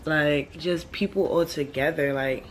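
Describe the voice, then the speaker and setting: A woman's voice: low voice, unhurried. Rambling stoner woman, casual and noisy recording. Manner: slangy, blunt, sprinkled with swearing. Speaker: vlogger. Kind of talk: casual rambling monologue to camera. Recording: steady background ambient noise.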